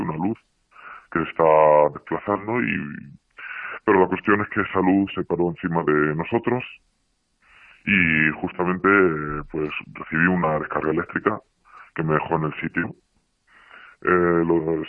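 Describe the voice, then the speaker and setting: Man, disguised through a voice changer: very deep, tinny and narrow, dry and close, halting delivery. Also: no room sound. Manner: hesitant, halting, many fillers. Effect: voice distorted to hide identity. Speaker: guest witness. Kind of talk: telling his own story on radio. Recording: narrow tinny phone-like sound.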